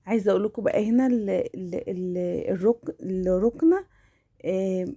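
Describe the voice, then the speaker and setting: Female home vlogger, Egyptian Arabic accent. Soft-edged, mellow tone, chatty and familiar, often restarting phrases mid-thought. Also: medium pitch, normal speed. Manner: hesitant, repeating and restarting words; familiar, addresses viewers as family. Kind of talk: casual chatty voice-over of household routine.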